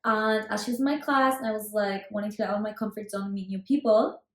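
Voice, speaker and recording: A woman in her twenties from Germany, a podcast guest who chats in a relaxed way with many fillers. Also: medium pitch, fast. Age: 20s. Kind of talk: casual chat. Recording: roomy echo.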